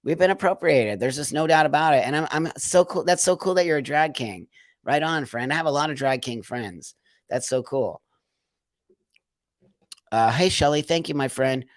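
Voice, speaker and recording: A man's voice: on the high side, moderate pace, no room sound, studio quality. A man hosting a casual live stream, reading out viewer comments and answering them in an emphatic, emotional way, often repeating phrases for stress.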